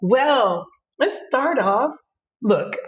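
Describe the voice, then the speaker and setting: Lively woman co-hosting a couple's podcast. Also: on the high side, extremely slow, low-quality recording. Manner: lively, laughs often, animated storytelling. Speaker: podcast co-host. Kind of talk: casual couple podcast chat.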